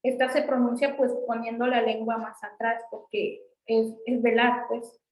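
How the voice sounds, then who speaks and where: Woman, teacher, slow deliberate pace, patient and repetitive, roomy echo. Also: a little high, level tone, darkish tone. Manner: slow, patient, repeats example words. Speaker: Sanskrit teacher. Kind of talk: online class explanation.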